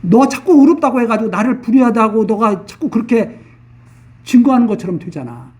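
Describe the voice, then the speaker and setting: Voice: mid-range voice, lively intonation, brisk, darkish tone, recorded from a distance. A preacher giving an expository Bible sermon, explaining each verse in plain, casual speech and often repeating phrases.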